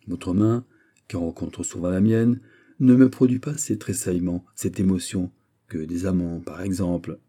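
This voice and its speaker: Man doing a sly princess, hushed and low, very dark voice. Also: normal speed, breathy edge. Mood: coy. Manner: soft, sly and calm. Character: a coquettish princess, teasing and cool.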